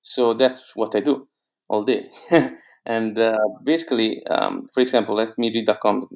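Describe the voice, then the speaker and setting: A guest entrepreneur whose native language is Italian speaks with an Italian accent in a casual interview, hesitating with many fillers and restarts. His voice is on the low side, fairly even and darkish, at normal speed, with the highs cut off.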